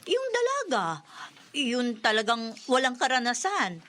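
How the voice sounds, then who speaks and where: A meddling young woman in an old-style radio drama. Her voice is bright and swings widely as she gossips and pushes her insinuations. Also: fairly high pitch, huge pitch swings, measured pace, full character voice. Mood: catty, insistent. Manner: insinuating, pushy. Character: meddling, gossiping single young female neighbor.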